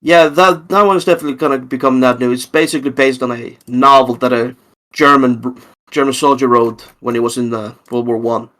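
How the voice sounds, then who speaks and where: Mid-pitched male guest, halting and self-correcting, easygoing chat. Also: steady tone, fairly bright tone. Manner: hesitant, restarts and qualifies often. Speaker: podcast guest. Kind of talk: casual chat.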